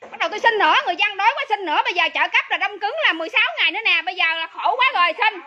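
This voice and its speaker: A woman's voice: extremely high pitch, racing, bright, forceful tone, muffled recording. A woman making an urgent, pleading complaint on camera outdoors. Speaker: resident complaining about aid.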